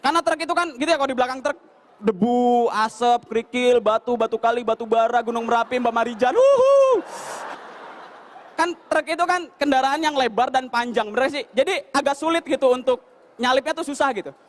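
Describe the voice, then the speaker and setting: A young man doing stand-up. His voice sits very high for a man and the words tumble out quickly. He tells his stories in an animated way, often breaking into shouted, mimicked voices. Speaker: stand-up comedian. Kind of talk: stand-up comedy routine.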